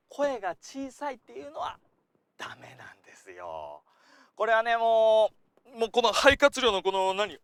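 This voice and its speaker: A man's voice: high-pitched, dry recording. A man giving a chatty lesson as an acting coach, talking casually and acting out little examples as he goes. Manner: lively, chatty, acts out examples.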